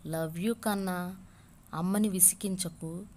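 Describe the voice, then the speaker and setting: A woman voicing a caring young father who speaks gently. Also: on the low side, steady tone, slow pace. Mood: tender.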